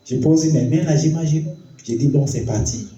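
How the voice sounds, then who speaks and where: A man preaching as a pastor, telling a story in a sermon, his voice dropping low and hushed, then climbing high and excited. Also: moderate pace, lo-fi sound. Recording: roomy hall, voice from far off the mic.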